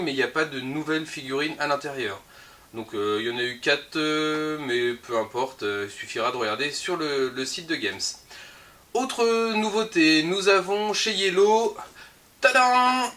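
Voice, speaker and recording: Man, French accent, bright voice, slightly high, chatty, hesitant fillers. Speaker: game shop presenter. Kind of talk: casual weekly product roundup.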